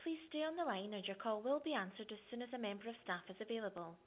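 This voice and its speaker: A woman reads a recorded phone menu, calm, measured and formal. Her voice comes through a thin, tinny phone line. Her pitch sits in an ordinary middle range. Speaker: phone system announcer. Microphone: phone line playback.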